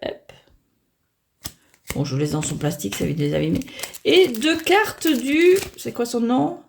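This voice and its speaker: A woman's voice: fairly high pitch, expressive, unhurried, gravelly, slight background noise. A woman reviewing a tarot deck in a casual unboxing chat, hesitant and chatty, often stopping to restart and poke fun at herself. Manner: self-mocking.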